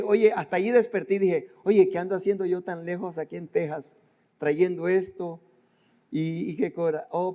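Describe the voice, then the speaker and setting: High-voiced older preacher in a reverberant hall. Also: male voice, dark tone. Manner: conversational preaching, addresses listeners directly, repeats phrases. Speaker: pastor. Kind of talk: sermon. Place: church sanctuary.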